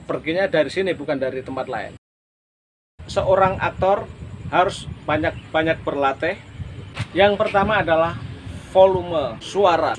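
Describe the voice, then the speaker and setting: A man lecturing on drama and voice for an online university class, slow and deliberate, with examples that he demonstrates himself. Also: on the high side, slight background noise, rough recording.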